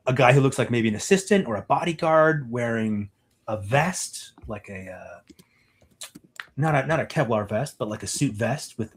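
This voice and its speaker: A man narrating as game master in a casual, rambling way with many fillers. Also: medium pitch.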